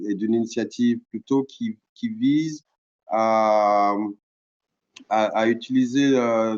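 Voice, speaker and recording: A middle-aged man from Cameroon giving keynote remarks on an online panel, earnest and halting, full of fillers and restarts. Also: fairly low pitch, a little mellow, highs cut off. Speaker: panel guest speaker.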